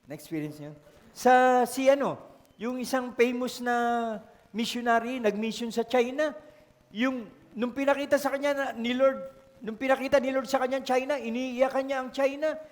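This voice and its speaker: A male pastor with a Filipino accent and a very high voice preaches a sermon at normal speed, telling it as a story, code-switching, and often calling on the congregation to respond. It takes place in a church hall with long reverb.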